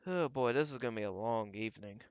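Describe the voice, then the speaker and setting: A man giving casual, off-the-cuff live weather radar commentary as a livestream storm tracker, halting and repeating himself as he talks through what he scans. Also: mid-range voice, clear, resonant tone, no echo, highs cut off. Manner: talks to himself while scanning, halting and repetitive.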